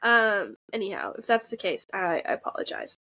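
A woman's voice: mid-range voice, sing-song, moderate pace, bright, forceful tone. A young adult woman with a nasal voice, co-hosting a book podcast in a casual, filler-heavy chat. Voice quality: nasal this episode. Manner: chatty, filler-heavy, lots of likes and ums. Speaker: podcast co-host.

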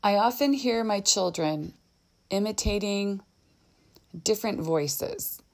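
A woman's voice: medium pitch, animated, takes it slowly, a little mellow, no echo. A mother telling first-person parenting stories in a reflective, earnest and candid way.

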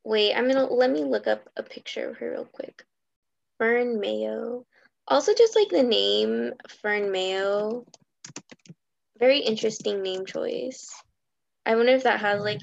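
Gravelly young woman, casual podcast chat. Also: on the high side, no room sound. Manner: rambling, many fillers. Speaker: podcast co-host. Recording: dull lo-fi sound.

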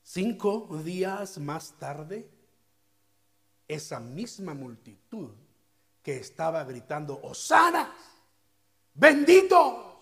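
A man with a Mexican accent preaching a sermon and leading a prayer. He swings between hushed passages and loud exclamations. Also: on the high side, expressive, slow, long pauses. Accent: Mexican Spanish. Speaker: pastor. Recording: faint music behind.

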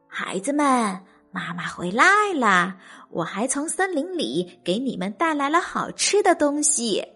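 A woman's voice: fairly high pitch, sing-song, a little slow, a bit bright, breathy edge, faint music behind, full character voice. Storybook wolf, crafty, coaxing and sing-song, played by a woman. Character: sly wolf faking a mother's voice.

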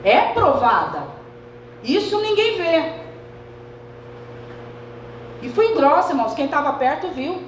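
A woman pastor delivers a sermon in a high voice. She preaches conversationally and keeps turning to her listeners. The recording is echoey, with a faint hum of ambience behind her. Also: very animated, moderate pace. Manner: conversational preaching, addressing the congregation often. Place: church hall.

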